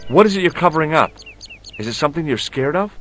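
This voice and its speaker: A man's voice: a little high, animated, quick pace, fairly bright tone, soft background music. A man voicing a wry male adventurer in a video game who questions people in a dry, sarcastic way. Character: wry adult male tourist sleuth, questioning a boy.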